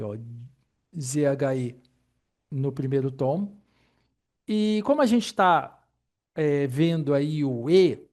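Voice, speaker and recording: Slow-paced man teaching pronunciation. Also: fairly high pitch, a little mellow. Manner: patient, explanatory, models sounds slowly and repeats them. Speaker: Mandarin teacher. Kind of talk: online pronunciation lesson.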